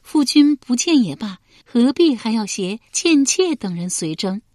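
A woman's voice: fairly high pitch, big pitch swings, a little slow, darkish tone, dry recording, studio quality, pitched above the performer's own voice. Woman putting on a coy, teasing young concubine. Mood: reproachful. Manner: coquettish, teasing.

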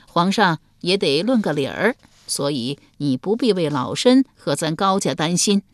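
A woman's voice: on the low side, sing-song, normal speed, no echo. A woman voicing a shrewd, stern elderly grand empress dowager who speaks coldly and commandingly in a storybook reading. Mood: imperious. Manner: cold, imperious, scolding.

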